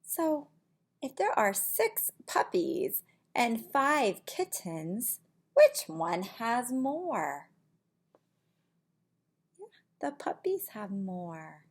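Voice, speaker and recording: Sitting in a small room at home, a middle-aged woman reads a picture book aloud for young kids in a slightly high, sing-song voice with some creakiness. She goes slowly and deliberately, like a preschool teacher, adding simple asides and asking counting questions.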